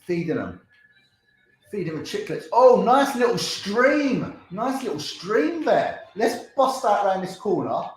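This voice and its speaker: A man hosting a live charity game stream, chatting excitedly to viewers as he plays. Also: high voice, unhurried, reverberant. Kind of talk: live gameplay commentary.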